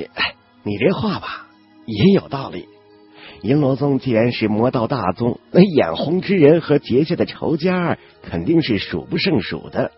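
A man's voice: medium pitch, highs cut off. A man voicing a shrewd boy spirit companion in an audiobook, asking probing, wry questions.

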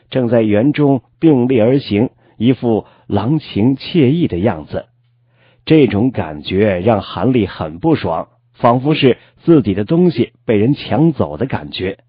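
A man narrating a novel in an expressive storytelling style, drawing out sentence particles. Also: mid-range voice, slightly rough, no room sound. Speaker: audiobook narrator. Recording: slightly dull lo-fi, dry.

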